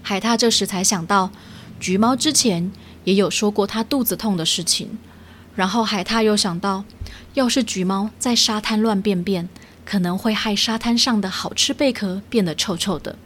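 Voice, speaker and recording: A woman storyteller narrating a children's story, addressing the young listeners in a gentle, clear way. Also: medium pitch, moderate pace, a little hiss or hum.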